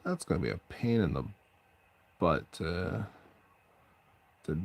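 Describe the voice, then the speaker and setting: A man with a deep bass voice, chatting casually on a late-night stream at home while he paints miniatures, rambling and restarting his sentences. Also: animated, slow pace, gravelly. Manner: rambling, self-interrupting, chatty. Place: at home at night, family asleep.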